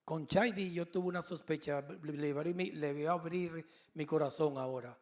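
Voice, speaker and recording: A middle-aged male pastor preaching a sermon, telling personal stories with humor and lively delivery. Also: a little high, moderate pace. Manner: animated storytelling with humor.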